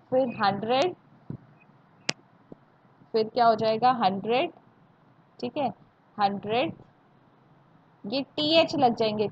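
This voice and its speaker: Higher-pitched Indian woman teaching maths online. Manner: repeats points and asks students check questions, mixing Hindi and English. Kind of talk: live online class teaching. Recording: dull lo-fi audio with faint hiss.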